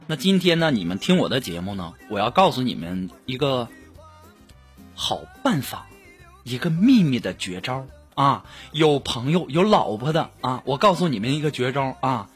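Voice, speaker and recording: A high-pitched man tells jokes about himself as a comedy host, laughing through his lines. His voice swings widely up and down. Light music plays behind him. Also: husky. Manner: chatty, self-mocking, laughing as he talks. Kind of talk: comic monologue with jokes.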